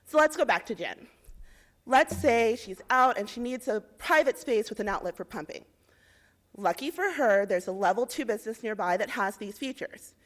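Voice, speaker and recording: Young woman from indiana doing a policy pitch, kinda high voice, clear and measured. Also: expressive. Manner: clear, measured, persuasive delivery of figures. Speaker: presenter in a policy pitch competition. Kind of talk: rehearsed pitch presentation.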